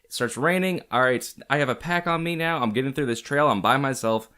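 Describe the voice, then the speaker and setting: A young man, a podcast guest, telling a camping story in casual chat. He is animated, swears often and laughs as he talks. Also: mid-range voice, fairly quick, clear, resonant tone.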